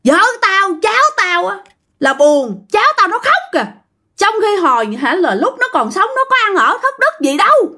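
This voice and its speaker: A woman's voice: very high voice, big pitch swings, moderate pace, bright, forceful tone, pitched above the performer's own voice, full character voice. A woman doing a furious old ghost man. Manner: scolding, coarse, repeats himself. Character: vengeful old male ghost, scolding and bitter.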